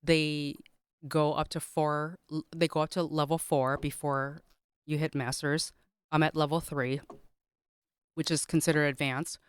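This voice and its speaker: A woman and guest on a podcast, telling a personal story in an animated way with many fillers and restarts. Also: sits low, measured pace, smooth, no room sound. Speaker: guest, caterer.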